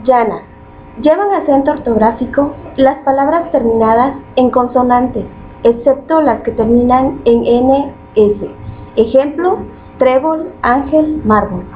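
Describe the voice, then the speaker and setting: A woman reading a grammar lesson aloud with careful, deliberate delivery, slowing down on examples. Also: high-pitched. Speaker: student presenter. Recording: tinny phone-like recording with faint noise.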